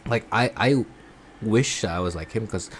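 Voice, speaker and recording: A man chatting casually in a video diary about his voice acting classes, rambling and halting, often poking fun at himself. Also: on the low side, a little hiss or hum. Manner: self-deprecating. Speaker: voice acting student vlogger.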